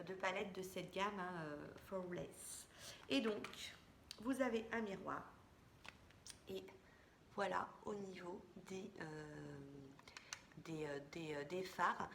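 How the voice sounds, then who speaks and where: A woman's voice: mid-range voice, slow pace, gravelly. A woman in a casual, friendly beauty vlog, chatting straight to her viewers as she shows a makeup haul. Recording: echoey room with faint background hiss.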